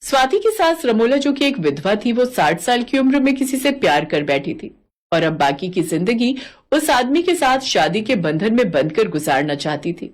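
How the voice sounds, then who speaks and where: A woman's voice: on the high side, very animated, normal speed. A woman narrating a family cartoon story in a plain storytelling manner.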